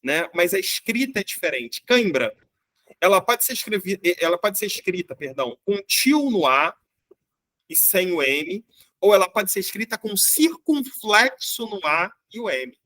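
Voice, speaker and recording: A man's voice: sits high, sing-song, normal speed, pushed and bright, dry recording. A man from Brazil teaching a grammar lesson, explaining patiently and often checking in with "né?" and "tá?". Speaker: Portuguese teacher.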